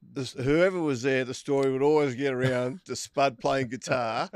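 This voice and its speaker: A man's voice: mid-range voice, steady tone, moderate pace, clear, resonant tone, no room sound. A man with an Australian accent co-hosting a podcast, telling yarns with quoted voices and frequent laughs. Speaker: podcast co-host. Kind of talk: casual chat.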